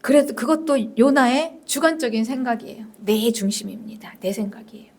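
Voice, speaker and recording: A woman's voice: fairly high pitch, brisk, darkish tone. A woman senior pastor preaching a sermon, emphatic and repetitive, questioning her congregation and sometimes dropping to a whisper. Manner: emphatic, repeats phrases, drops to whispers at times; addresses the congregation directly with questions.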